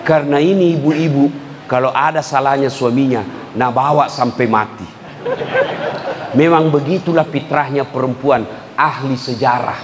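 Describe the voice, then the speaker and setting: A middle-aged man giving a humorous sermon to a live audience, joking and teasing and breaking into sudden shouts. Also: mid-range voice, normal speed, background noise. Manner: lively, joking, jumps to sudden shouts, teases listeners. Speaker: preacher. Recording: echoey hall with faint crowd ambience.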